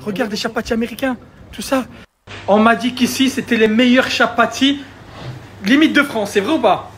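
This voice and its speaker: A man in a comedy sketch, talking in an excitable, teasing way full of exclamations. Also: very high-pitched, normal speed. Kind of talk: excited comic banter.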